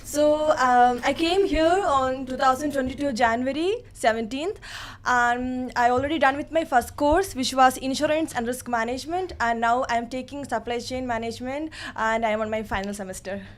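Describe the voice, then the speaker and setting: Woman from kerala on a student panel, high voice, short plain intro. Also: normal speed. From Kerala, India.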